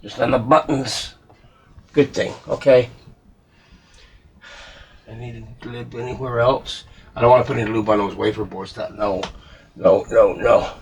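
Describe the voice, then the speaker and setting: With a mid-range voice, little pitch movement and a measured pace broken by frequent pauses, a man mutters and thinks aloud as he works as a hobbyist repairer. His talk is casual and rambling. In the indoor workshop, background noise is clearly audible, along with handling clicks.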